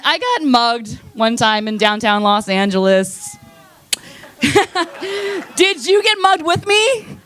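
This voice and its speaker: A young woman with a high, slightly bright voice performs a stand-up set at a comedy club. She rambles and swears casually, and she is self-deprecating, laughing whenever she slips or loses her place.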